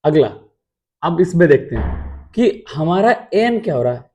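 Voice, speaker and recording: A man's voice: on the high side, very animated, unhurried, mellow. A man teaching math in an explanatory lecture, asking rhetorical questions and answering them himself.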